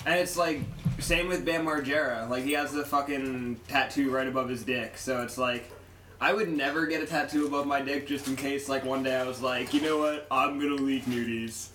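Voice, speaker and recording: A young man chatting on a podcast, jokey and animated, his voice jumping up when he makes a point. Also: mid-range voice, normal speed, far from the mic, noisy background. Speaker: podcast co-host. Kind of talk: casual crude podcast banter. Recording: echoey room, a bit off-mic.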